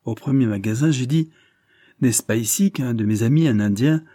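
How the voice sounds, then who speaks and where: A man voicing a blind gentleman detective who speaks softly, in a measured and quietly ironic way, in an audiobook reading. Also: mid-range voice, dry recording, clean studio sound, natural voice. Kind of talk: audiobook character voice.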